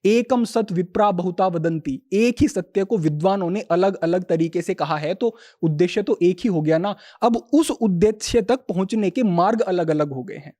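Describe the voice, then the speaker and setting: A man speaking as a yoga teacher on a podcast, calmly explaining spiritual ideas and quoting Sanskrit verses. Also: high-pitched, moderate pace, few pauses.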